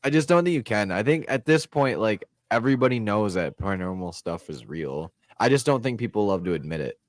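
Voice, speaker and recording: A man's voice: fairly low pitch, lively intonation, a little fast, no room sound, clean studio sound. A young adult man hosting a casual paranormal chat, swearing and laughing often. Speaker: podcast host.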